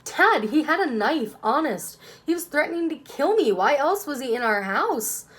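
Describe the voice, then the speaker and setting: A hot-headed young girl acted by a woman reading aloud protests in an emphatic, dramatic way. Her voice jumps high with indignation, in the style of a children's storybook. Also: sing-song, moderate pace, slightly rough, exaggerated voice. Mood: indignant, pleading. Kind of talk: children's novel read aloud.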